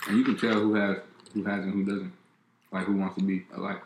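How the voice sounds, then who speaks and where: Low monotone man in echoey room. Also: brisk, vocal fry. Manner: mostly monotone, rambling with restarts. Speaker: co-host. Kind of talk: casual chat.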